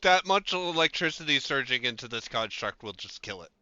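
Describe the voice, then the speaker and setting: A man narrating as dungeon master, animated and laughing often. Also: mid-range voice, fairly quick, no room sound, dull audio. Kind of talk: narrating a tabletop game.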